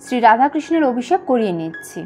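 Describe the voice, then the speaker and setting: High-voiced woman explaining a puja. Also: soft background music. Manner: calm step-by-step explaining, addresses viewers as friends; chants mantras slowly. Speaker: home puja demonstrator. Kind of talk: instructional voice-over.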